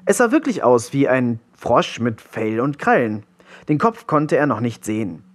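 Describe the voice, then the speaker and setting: A man narrating a children's story in an even, measured reading style. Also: medium pitch. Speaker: audiobook narrator.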